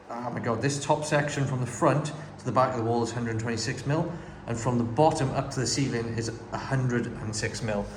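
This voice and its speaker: A medium-pitched man, a builder and carpenter by trade, casually narrates a DIY vlog, explaining his renovation practically step by step as he works. He's indoors in a bungalow room under renovation, holding a phone while working. The bare room echoes, and faint noise is present.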